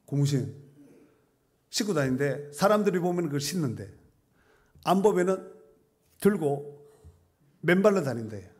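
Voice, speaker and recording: Speaking a little slowly and pausing often, the pastor has a fairly high, slightly mellow voice with lively intonation. This middle-aged man preaches in a church sanctuary, telling stories conversationally and reading scripture with mounting emphasis.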